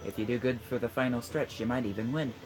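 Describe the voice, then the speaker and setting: A man's voice: medium pitch, steady tone, quick pace. A man chatting casually over a video game, teasing and giving tips to the friend playing beside him. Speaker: gamer coaching a friend. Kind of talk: casual let's-play chat. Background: game music.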